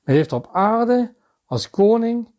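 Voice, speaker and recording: A man's voice: high-pitched, big pitch swings, slow pace, a little mellow. A man preaching a sermon in an earnest manner, reading scripture passages aloud and naming their verses.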